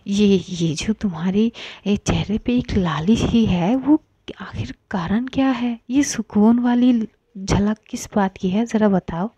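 A woman voicing Mishka, a playful, nosy young woman who teases her friends in a lowered voice. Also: slow pace, mellow, slightly rough, no room sound. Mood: teasing.

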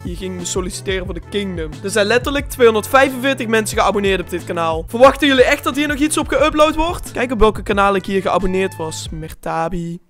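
A teenage boy from Limburg hosting a casual reaction video close to a desk mic. He is animated and exclamatory and swears freely, with music behind him. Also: sits high. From Limburg, Netherlands. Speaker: YouTuber, host. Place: small bedroom studio, indoors. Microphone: desk condenser mic, close.

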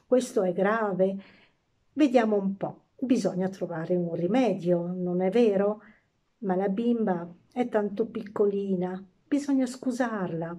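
Brief: soft-hearted, weary old king, read by a woman, slow and mellow, storybook. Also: medium pitch, close to an everyday voice. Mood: patient, pleading. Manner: slow, patient, soothing. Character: indulgent, sighing old king father.

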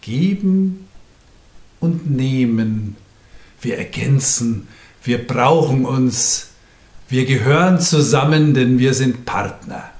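A man as Language itself, slow and solemn. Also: mid-range voice, a little mellow, reverberant. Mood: impassioned. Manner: solemn, intimate, swings from whispers to fervent calls. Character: Language personified, tender and passionate, feminine. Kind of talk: dramatic spoken-word recital.

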